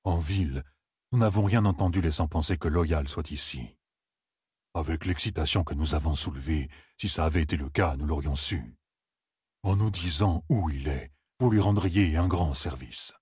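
A man voicing an old giant male Ogier elder, gruff and scholarly, who speaks slowly and gravely with a deep rumbling voice. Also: darkish tone, dry recording, clean studio sound, full character voice. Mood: earnest. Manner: slow, grave and grumbling.

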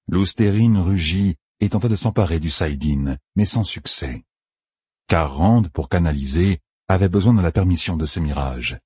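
A man with a deep, raspy voice reads a fantasy novel aloud with dramatic, expressive delivery. His pitch moves a lot through the narration, and the recording is dry and close. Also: dry recording. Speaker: audiobook narrator. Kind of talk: scripted narration.

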